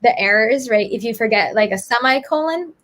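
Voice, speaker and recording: A woman's voice: on the high side, lively intonation, a little fast, a bit bright. A young woman answering interview questions, reflective and casual, with many "like"s and "I think"s. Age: young adult. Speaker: guest, student author and app maker.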